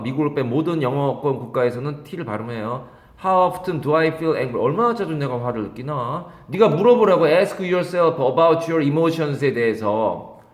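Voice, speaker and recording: A middle-aged male English teacher giving an exam-prep lecture, reading English phrases slowly and then explaining them, often questioning and teasing his students. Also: fairly high pitch, roomy sound.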